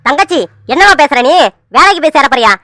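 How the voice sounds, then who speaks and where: A stern eldest brother in a cartoon, played by a woman, fires off scolding lines at a rapid pace. His voice is high and bright, and the sound is close and dry. He is bossy and protective, and he lays down the rules for the family. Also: animated, no room sound. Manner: scolding, bossy, repeats himself. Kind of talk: Tamil cartoon serial voice acting.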